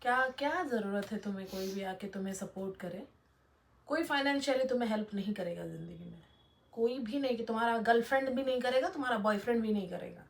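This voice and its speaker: Talking fast with some vocal fry in a slightly high voice, a young woman addresses her viewers directly on camera. She's a vlogger handing out blunt motivational advice in a lecturing, casual way.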